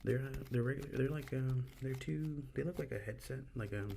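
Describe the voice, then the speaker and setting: A man's voice: medium pitch, fairly quick, gravelly. A man doing casual ASMR banter close to the ear into binaural mics, hesitant and rambling as he talks to viewers. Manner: hesitant, rambling, loses his thread. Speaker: ASMR video creator. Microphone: binaural in-ear mics set in a styrofoam mannequin head. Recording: loud noise, clicks, handling sounds.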